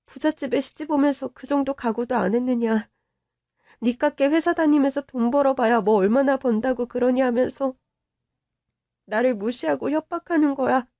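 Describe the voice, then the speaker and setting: A hurt, subdued young wife, played by a woman in a radio-drama story, confiding to her mother in a quiet, resigned telling. Her voice sits high, and the recording is dry and close. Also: no echo. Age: young adult.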